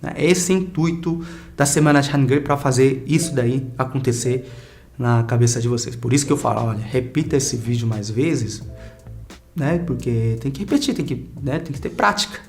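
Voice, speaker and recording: A man teaching a casual online language lesson, chatty and lively, drilling sounds for learners to repeat. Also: mid-range voice, moderate pace, faint music behind.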